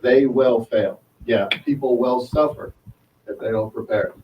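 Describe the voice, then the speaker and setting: A man co-hosting a talk radio discussion, making an earnest argument, his voice thin and tinny with no bass. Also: steady tone, measured pace. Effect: thin tinny sound with no bass, like a tin can. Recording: distant tinny mic with faint noise.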